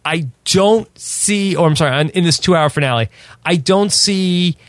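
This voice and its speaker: A man hosting a casual podcast chat, talking quickly and joking with frequent laughs. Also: high voice, dry recording, clean studio sound. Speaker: podcast host.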